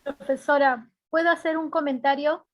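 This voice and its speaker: A woman's voice: high voice, steady tone, normal speed. A woman student sharing a personal memory in class, chatty and reminiscing. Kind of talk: class comment, personal anecdote.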